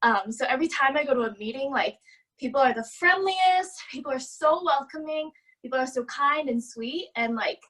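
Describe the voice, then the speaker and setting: A woman's voice: sits high, lively intonation, moderate pace, a bit bright, low-quality recording. A breathless woman speaking with bubbly enthusiasm on a video call. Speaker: newcomer guest. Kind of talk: casual Zoom talk.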